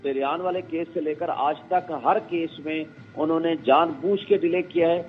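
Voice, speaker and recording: A man speaking as a guest lawyer on a phone-in interview, making measured arguments and quoting others. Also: on the high side, steady tone. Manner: measured legal arguing, quotes others. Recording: tinny phone line with faint music.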